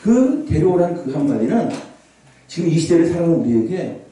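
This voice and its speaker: A man preaching a revival sermon as a pastor, animated, sometimes shouting out scripture cries. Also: on the high side, brisk. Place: large prayer hall. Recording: echoey hall, voice from far off.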